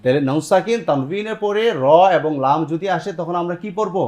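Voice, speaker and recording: A man's voice: high voice, animated, a little mellow. A man from Bangladesh teaching a Quran tajweed lesson on TV. He explains step by step, quizzes his students, and repeats their answers back. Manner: repeats students' answers back, sounds out Arabic words slowly. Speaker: Quran recitation teacher and TV host.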